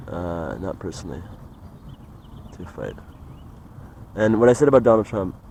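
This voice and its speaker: Mellow low-voiced man rambling outdoors. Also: very animated, normal speed, gravelly, a little hiss or hum, rough recording. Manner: meandering, trails off, frequent "like" and "you know". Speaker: vlogger. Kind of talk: rambling casual monologue.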